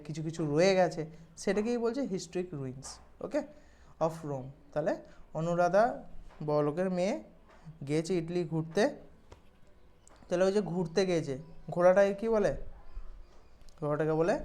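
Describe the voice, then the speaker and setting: In a lowish, dark-toned voice, a woman explains English exam questions during a relaxed lesson. She keeps it conversational and frequently checks in with her students, asking "okay?"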